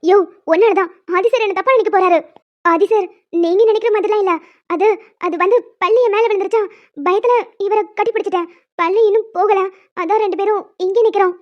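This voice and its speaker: A woman's voice: very high voice, steady tone, fast talker, highs cut off. A woman voicing a timid, tearful young woman in a cartoon, talking in a pleading way. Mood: nervous. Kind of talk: cartoon voice acting.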